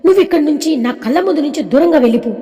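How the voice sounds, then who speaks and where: A stern, protective husband and father, read by a woman narrator, scolding firmly. The voice stays high and soft-toned, with a long reverb behind it. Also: expressive, rapid-fire. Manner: scolding, firm.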